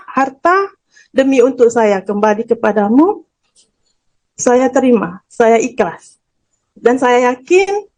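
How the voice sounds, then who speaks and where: A woman's voice: on the high side, a little mellow, low-quality recording. A woman on a forum panel sharing a candid, heartfelt personal testimony, emotional and close to tears at times, with frequent fillers.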